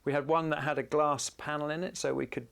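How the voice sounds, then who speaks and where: A male camera operator answering questions on a panel, his voice rough with creak. He thinks aloud and fills the gaps with ums while he searches for details. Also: fairly high pitch, flat delivery, quick pace, fairly bright tone. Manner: thoughtful, searches for words with many ums. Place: event in front of an audience.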